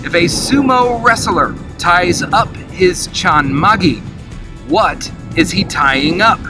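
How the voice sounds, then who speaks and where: A man's voice: high voice, slow pace, over music. An upbeat middle-aged man, a cruise director, casually hosting a quiz to camera outdoors. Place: outdoors in an open park.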